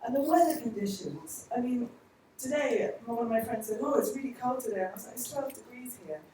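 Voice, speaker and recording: A woman's voice: a little high, fairly quick, warm tone, a little hiss or hum. A woman from an aid agency giving an earnest conference presentation full of rhetorical questions, recorded from far off in a large hall.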